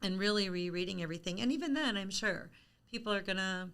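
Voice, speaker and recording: A middle-aged woman speaks frankly and chattily as a guest on a live-stream interview, poking fun at herself as she goes. Her voice has a bright, clear edge at an everyday pitch. She talks over a video call. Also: quick pace. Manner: frank and chatty, with self-deprecating humor. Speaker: author being interviewed.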